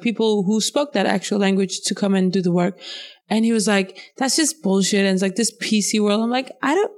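A woman's voice: medium pitch, a little mellow. A woman from Denmark hosts a podcast in a studio, with a mid-range voice. She asks curious follow-up questions and laughs along with her guest. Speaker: podcast host. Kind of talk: casual interview chat.

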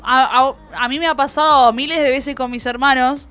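Young Argentine woman, co-host, bright high voice, emphatic, faint music behind. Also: moderate pace, clean tone. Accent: Argentine Spanish. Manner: lively, emphatic, eager to agree. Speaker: podcast co-host. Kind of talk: casual chat.

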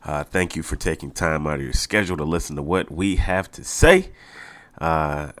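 A man's voice: very deep voice, expressive, moderate pace, a bit bright, dry recording. A man hosting a casual solo sports podcast, a little nasal and congested, talking informally and repeating phrases for emphasis. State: mildly congested from allergies. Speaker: podcast host.

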